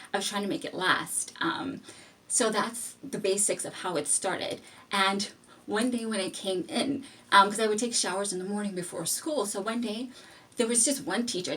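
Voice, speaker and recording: A young woman chats through a personal story for her fragrance channel. She laughs often and gets animated as she tells it. Her voice sits a little back from the microphone, with a middling pitch. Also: distant mic. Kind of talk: casual storytime chat.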